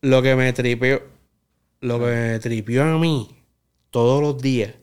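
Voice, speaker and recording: A man's voice: mid-range voice, measured pace, smooth. A man, co-hosting a podcast and telling a story while acting out what people said. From Puerto Rico. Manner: animated storyteller, acts out dialogue. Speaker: podcast co-host. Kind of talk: casual storytelling.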